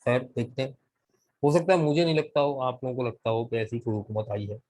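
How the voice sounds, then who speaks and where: A man teaching English vocabulary in a live online class, explaining deliberately and mixing English words into his Hindustani. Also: mid-range voice, a little mellow, poor audio. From Pakistan. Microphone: video call.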